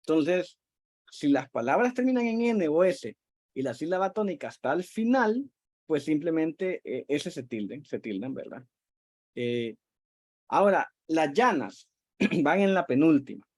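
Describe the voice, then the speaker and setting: A teacher giving an online class from home, explaining patiently, with frequent "eh" fillers and quick check-ins with the students. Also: medium pitch, sing-song, a little mellow, dry recording, clean studio sound.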